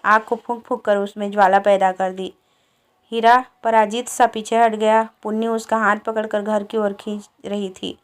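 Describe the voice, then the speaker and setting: A woman narrating a classic novel as an audiobook, reading in an even, measured way. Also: mid-range voice.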